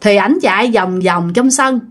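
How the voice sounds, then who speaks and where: A woman's voice: mid-range voice, normal speed. A woman narrating a ghost story in a chatty, conversational way, talking straight to her listeners. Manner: chatty, addresses listeners directly, many fillers.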